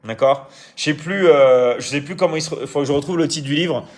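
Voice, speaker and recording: A man's voice: on the high side, a little fast. A man hosting a casual live stream, answering viewer comments in a hesitant way, with frequent fillers and restarts, and often checking in with his audience. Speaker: live-stream host and coach.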